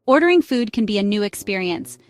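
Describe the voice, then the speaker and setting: A woman giving a scripted travel phrase lesson in an upbeat tone, repeating words slowly so listeners can practice. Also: mid-range voice, animated. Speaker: language tutor. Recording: dry close mic with faint music.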